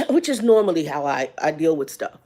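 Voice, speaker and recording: A woman's voice: low voice, very animated, moderate pace. A woman in her fifties telling a personal story on a casual livestream, candid and colloquial, with faith-based asides. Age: 50s. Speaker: livestream host.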